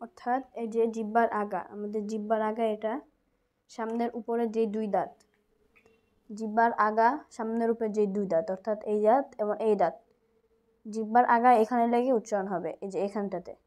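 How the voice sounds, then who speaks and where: A woman's voice: fairly high pitch, fairly even intonation, fairly quick, darkish tone. A woman with a Bangladeshi Bengali accent teaching Quran recitation, patiently drilling each letter sound over and over. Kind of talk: slow tutorial with drilled syllables.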